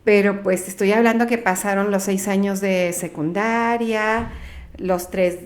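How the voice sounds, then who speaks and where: She is a middle-aged woman with a Mexican accent, speaking as a guest in a relaxed interview. Her voice sits at an ordinary pitch for a woman. She talks things through out loud, counts on the fly and now and then stumbles over a word. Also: a little slow. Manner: chatty, counts aloud, trips over words. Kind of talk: casual interview talk.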